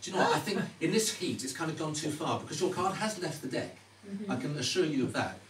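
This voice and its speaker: A man's voice: fairly high pitch, lively intonation, fast talker, fairly bright tone. Middle aged guy doing card magician patter, chatty n teasing, echoey, recorded from far off. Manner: chatty, teasing, questioning asides to audience. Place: indoor stage before a small live audience. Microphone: distant audience camera. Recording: roomy, noisy live recording from far off.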